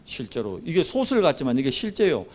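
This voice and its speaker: A man's voice: medium pitch, wildly swooping pitch, fairly quick. A male pastor from the southeast of Korea, preaching a sermon and telling the story vividly, acting out the dialogue.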